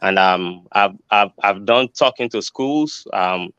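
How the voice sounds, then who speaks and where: This is a hesitant older man from Nigeria, a Yoruba speaker in his sixties running for a judicial seat, responding slowly to forum questions with lots of ums and false starts. His low voice is fairly bright, clear and resonant. He comes through a video call with no room sound, though the audio is dull and lo-fi.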